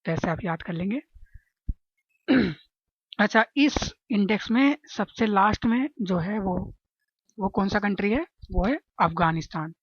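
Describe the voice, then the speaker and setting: A woman walks listeners through exam questions, building little memory tricks and checking in with them as she goes. Her voice sits at a middle pitch. The recording is dry and slightly muffled, as from a small room. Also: lively intonation, measured pace, slightly rough, no room sound. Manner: chatty, keeps asking "है ना?" to check understanding. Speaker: exam-prep teacher.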